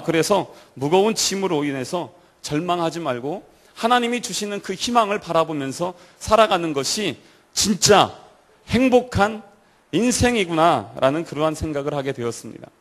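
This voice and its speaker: A man's voice: on the high side, lively intonation, moderate pace. A man preaching to a church youth service, telling stories and asking the congregation direct questions. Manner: storytelling, asks the audience direct questions. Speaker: pastor.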